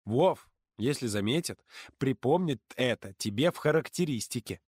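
A man voicing a stern, dutiful young woman camp counselor who scolds and then turns shrill with outrage in an audiobook. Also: lively intonation, moderate pace, slightly rough, no echo, clean studio sound. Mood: reproachful. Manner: reproachful, rising to shrill outrage.

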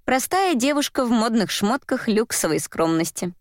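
A woman narrating a crime novel as an audiobook in a measured manner. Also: a little high, lively intonation, no echo, studio quality. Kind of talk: scripted narration.

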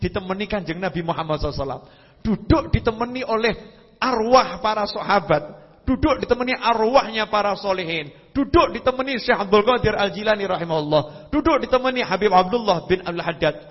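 A man giving a religious lecture, telling stories with sudden leaps in pitch and voiced sound effects. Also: breathy edge. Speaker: preacher. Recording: lo-fi hall recording with long reverb.

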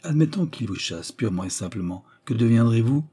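Medium in pitch, warm with a breathy edge, a man reads a little fast with lively intonation. He performs a scheming, persuasive middle-aged noblewoman adventuress who frightens her young companion under a cover of feigned sweetness. It is menacing, persuasive and insistent.

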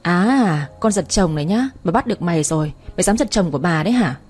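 A woman's voice: fairly low pitch, lively intonation, fast talker, a little mellow, husky, soft background music. A woman voicing a crude, bossy young woman friend in a storybook reading. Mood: brash scolding.

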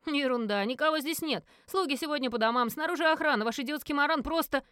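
A woman's voice: high voice, fast talker, fairly bright tone, no echo, clean studio sound, pitched above the performer's own voice. Woman doing a snapping sulky teenage boy. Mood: rude. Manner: snapping, rude.

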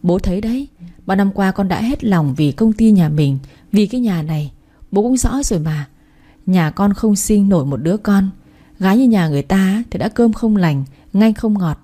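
A woman's voice: mid-range voice, animated, moderate pace, dark tone, close to an everyday voice. A woman voicing a scheming son-in-law who pleads and wheedles in a storybook reading. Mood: pleading.

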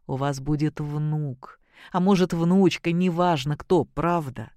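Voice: medium pitch, lively intonation, unhurried, a little mellow, no room sound. An audiobook reader voicing a moved young husband who reassures his wife. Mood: solemn.

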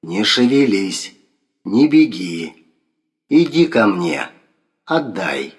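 A man voicing a sinister gray demon hag who speaks in a slow, coaxing whisper. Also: fairly low pitch, very animated.

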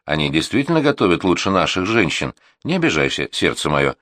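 A man's voice: deep voice, very animated, brisk, a bit bright, no room sound. A male audiobook reader voicing a proud, fussy householder explaining in a self-satisfied way.

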